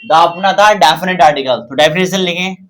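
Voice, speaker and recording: A man's voice: a little high, a little fast, a bit bright. Indian man teaching English grammar. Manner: repetitive, asks rhetorical questions to students. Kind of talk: classroom-style grammar lesson.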